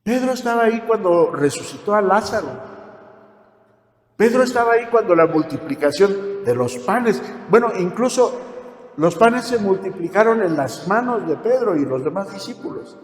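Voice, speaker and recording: Man, pastor preaching, storytelling sermon, asks the congregation questions, long hall reverb. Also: high-pitched.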